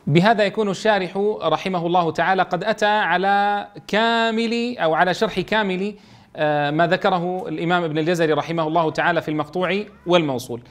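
High-voiced man teaching a Quran lesson. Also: fairly even intonation. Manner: reads quoted text slowly, then explains quickly, often checking with listeners. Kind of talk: explaining a classical text in a lesson.

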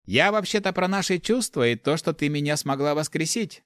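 A man's voice: fairly high pitch, fairly quick, fairly bright tone, smooth, no echo, studio quality, pitched above the performer's own voice, close to an everyday voice. A man voicing a playful young male thief who teases and makes grand speeches. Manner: teasing, grandly theatrical.

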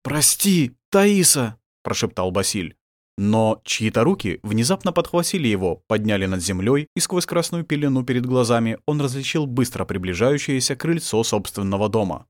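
Male narrator, lively pitch, dramatic reading, dry close sound. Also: fairly quick, no echo. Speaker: audiobook narrator. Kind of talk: scripted narration.

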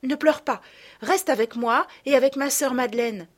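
A woman reading a storybook, voicing an eager, brave young girl with a high, urgent manner. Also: normal speed. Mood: overjoyed.

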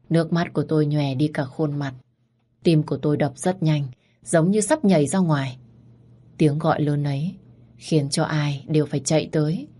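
A woman narrating a first-person story in a steady, dramatic way. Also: low-pitched, husky.

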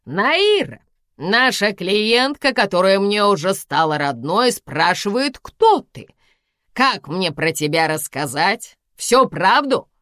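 A woman reading an audiobook, voicing a dramatic salon owner who cries out loud, shrill and pleading. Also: very animated, takes it slowly, no room sound, clean studio sound. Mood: shrill, desperate. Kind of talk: audiobook character voice.

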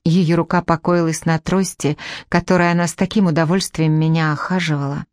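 A woman narrates a first-person audiobook in measured, even tones. Her voice sits on the low side, and the recording is dry and close, with no room sound. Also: dry recording.

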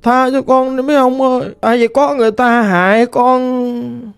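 A woman voicing the vengeful ghost of a murdered teenage girl, pleading slowly in a Southern Vietnamese accent. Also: on the high side, steady tone, clean tone, lightly acted. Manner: pleading, slow and plaintive.

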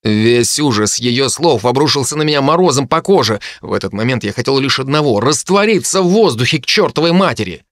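Expressive male audiobook narrator. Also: medium pitch, fairly quick, hardly any pauses, dry recording, clean studio sound. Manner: expressive, dramatic reading. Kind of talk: scripted narration.

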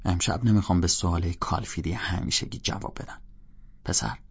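A man's voice: low-pitched, fairly even intonation, gravelly, breathy edge, full character voice. A man voicing a smug, curt college student who answers in a dry, dismissive tone. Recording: dull lo-fi recording.

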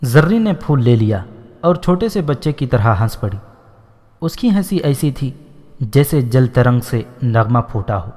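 Male narrator, steady measured novel reading, medium pitch, long echo. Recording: long hall reverb.

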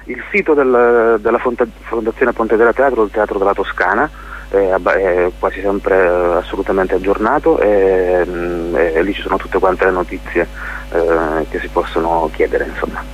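Interviewed as a playwright on radio, a man with a low, level voice reflects on things, pausing often to find his words. Hum and hiss run under the muffled audio.

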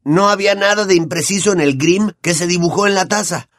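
A man's voice: sits high, fairly quick, fairly bright tone, dry recording, clean studio sound, pitched above the performer's own voice. Ron, a man doing a worried teenage boy. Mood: worried, heated. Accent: Latin American Spanish. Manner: earnest and worried. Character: anxious superstitious teenage boy, quick to anger.

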